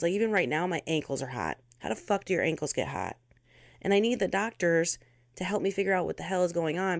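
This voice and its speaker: Low-voiced, cussing American woman venting. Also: dry recording, clean studio sound. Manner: profane, blunt, venting. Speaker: podcast host. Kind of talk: casual solo podcast monologue. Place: her bedroom.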